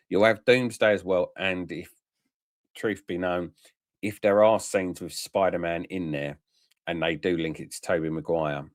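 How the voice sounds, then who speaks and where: A man gives a plain-spoken, casual review in a lowish voice. He chats frankly and tags questions onto his remarks. The recording is dry and close, with no room sound. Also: fairly bright tone, no echo. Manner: frank and chatty, with tag questions and many "um" fillers. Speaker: toy collector reviewer.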